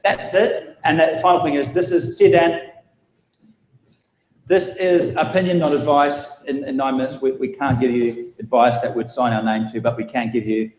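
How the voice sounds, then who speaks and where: A man's voice: mid-range voice, steady tone, moderate pace, darkish tone. A man hosting a live event with an audience, jokey and rambling with frequent restarts. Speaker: host. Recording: echoey room, faint noise.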